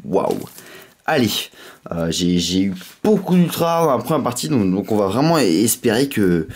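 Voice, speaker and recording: A man with a slight lisp hosting a casual unboxing, chatting in an excitable way. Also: fairly low pitch, normal speed. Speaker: host of a card pack opening video.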